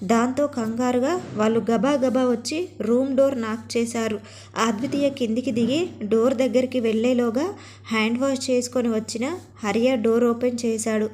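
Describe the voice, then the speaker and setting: A woman whose voice is fairly high reads a scripted story aloud. She keeps her delivery steady and expressive, guiding the listener through every scene.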